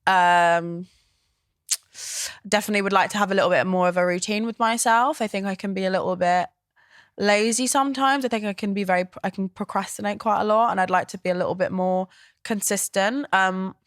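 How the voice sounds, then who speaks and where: A woman's voice: mid-range voice, steady tone, a little fast, dry recording. A young woman in her twenties, chatting as a podcast guest in a rambling, swear-prone way in a studio. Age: 20s. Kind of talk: casual chat.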